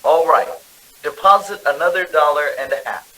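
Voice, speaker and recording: A man's voice: fairly high pitch, normal speed, very noisy, natural voice. A man playing an impersonal, polite telephone operator with a formulaic delivery in an old-time radio drama. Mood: detached, routine.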